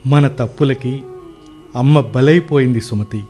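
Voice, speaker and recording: An actor in a radio play playing a married son full of remorse and grief. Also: male voice, medium pitch, normal speed, mellow, lightly acted. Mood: remorseful. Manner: mournful, self-reproaching. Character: guilt-ridden married son, grieving, remorseful. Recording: faint music behind.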